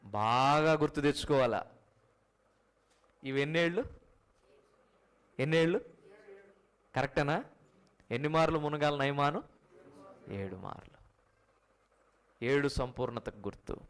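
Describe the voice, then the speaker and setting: A man preaching a sermon, firing rhetorical questions at his congregation and calling out to them directly, swinging from loud high peaks to quiet low endings. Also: a little slow, long pauses, smooth. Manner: addresses listeners directly as mothers and fathers. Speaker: pastor.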